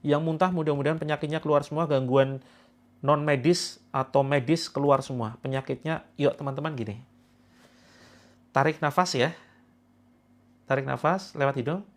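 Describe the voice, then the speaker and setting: A slightly high-voiced man runs a guided group healing session. He walks listeners step by step through the routine, repeating each instruction and coaxing them along. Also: steady tone, moderate pace, pauses often. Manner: instructing, repetitive, coaxing viewers through steps. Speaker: spiritual healing coach.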